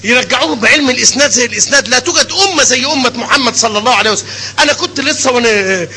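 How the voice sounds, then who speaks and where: An older man with an Egyptian Arabic accent teaches hadith in a lively classroom style. His voice is high, very bright and forceful. A faint hiss of noise sits under the recording. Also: very fast, poor audio. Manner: animated, quizzing students with rhetorical questions. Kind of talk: classroom lecture.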